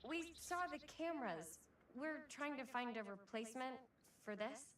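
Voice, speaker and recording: A woman's voice: high-pitched, expressive, moderate pace, fairly bright tone, a little hiss or hum. A woman playing a wry, adventurous teenage girl in a video game. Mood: wry, upbeat. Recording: slightly distant game dialogue.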